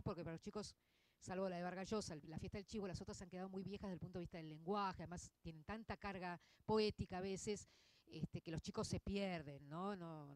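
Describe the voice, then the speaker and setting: Argentine woman in her 50s, veteran literature teacher addressing a room, lively and conversational, dry close sound. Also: medium pitch, no echo. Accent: Argentine Spanish. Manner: expressive, frequent tag questions "¿no?" and "¿eh?". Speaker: literature teacher giving a public talk. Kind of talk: conversational lecture to an audience.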